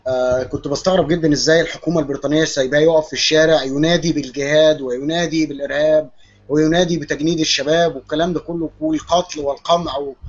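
A man with an Egyptian Arabic accent speaking as a guest in an online panel discussion over an internet call. He talks briskly, with a mocking edge. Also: fairly high pitch. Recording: dull lo-fi call audio.

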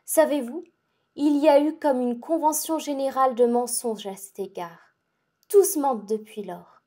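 A woman reading the part of a feverish, exalted young invalid girl, talking in an excitable, breathless and intense way. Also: high-pitched, measured pace. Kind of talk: dramatic audiobook reading.

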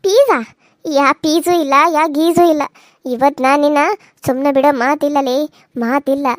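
A woman's voice: sits high, normal speed, a little mellow, no echo, clean studio sound, natural voice. A woman voicing a vengeful, menacing village wife in a cartoon serial, taunting. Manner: taunting, threatening.

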